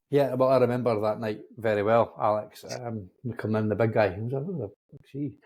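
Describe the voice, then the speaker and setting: A man's voice: fairly low pitch, fairly even intonation, normal speed, a little mellow, poor audio. A man in his forties with a Dundee Scottish accent, telling his own story casually as a podcast guest. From Dundee, Scotland. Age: 40s. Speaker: podcast guest, men's support group facilitator. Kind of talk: casual chat, personal storytelling.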